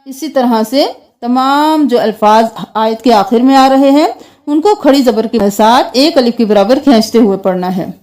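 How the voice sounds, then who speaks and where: A woman teaches Quran recitation. She talks at an unhurried pace, spelling out syllables and chanting the verses slowly with long drawn vowels. Her quicker explanations come in between the chanted parts. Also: fairly high pitch, darkish tone.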